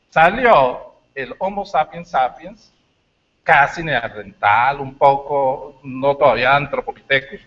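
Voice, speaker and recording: A man giving a university lecture, telling stories with animated, shouted bits. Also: fairly high pitch, muffled recording. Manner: animated storytelling, shouts acted lines. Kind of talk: lecture talk.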